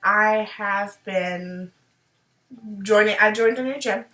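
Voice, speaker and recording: In a casual video diary, a woman chats upbeat despite fighting off a cold, clearing her throat now and then and saying "um" a lot. Her voice is medium-pitched and a bit bright, she speaks slowly, and the recording has a roomy echo.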